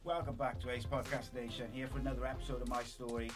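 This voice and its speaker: A man's voice: medium pitch, little pitch movement, quick pace, music in the background. A man with a Welsh accent hosting a podcast in a casual, rambling, informal way. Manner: informal, rambling, frequent filler 'like'. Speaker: podcast host. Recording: clear background noise.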